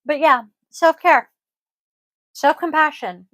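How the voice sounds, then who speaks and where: A woman's voice: sits high, slow, fairly bright tone, no room sound. Brief: middle-aged woman, chatty podcast host, laughs a lot, swears casually, dry close sound. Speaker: podcast host, yoga teacher. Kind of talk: casual chat.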